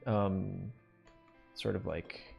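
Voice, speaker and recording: Male streamer, lowish voice, rambling drawing tips with fillers, quiet music bed. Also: steady tone, drawn-out words, creaky, dull audio. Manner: rambling, thinks aloud with fillers. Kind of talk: casual live-stream drawing lesson.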